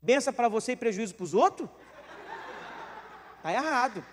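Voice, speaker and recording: A man with a Brazilian Portuguese accent, a pastor giving a joking, animated sermon full of questions to the congregation. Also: very high voice, moderate pace, big-room sound, slight background noise.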